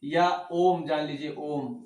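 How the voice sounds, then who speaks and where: A man's voice: on the high side, moderate pace, darkish tone. A man teaching an exam-prep grammar lesson, asking questions and answering them himself, often checking with "okay". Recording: echoey room, mic at a distance.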